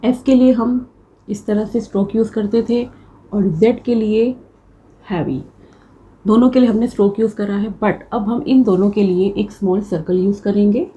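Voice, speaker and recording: A woman's voice: mid-range voice, steady tone, normal speed, dark tone, muffled recording. A young woman teaching a shorthand class, patiently explaining step by step and mixing in English terms. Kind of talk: classroom lecture.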